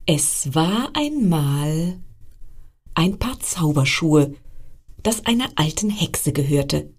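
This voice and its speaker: Woman reading a kids bedtime story, slow and unhurried, voice rises and falls a lot. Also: low-pitched, slightly rough. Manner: addresses children directly, expressive storytelling.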